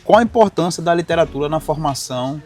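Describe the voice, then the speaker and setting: A man hosting an interview in a friendly, unhurried way. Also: on the high side, expressive, a little mellow. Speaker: interviewer, host.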